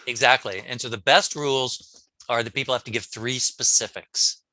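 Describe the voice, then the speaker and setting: Bright-voiced man telling stories animatedly. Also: mid-range voice, normal speed, dry recording. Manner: animated storyteller, many restarts. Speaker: podcast guest, brain coach. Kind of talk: casual interview conversation.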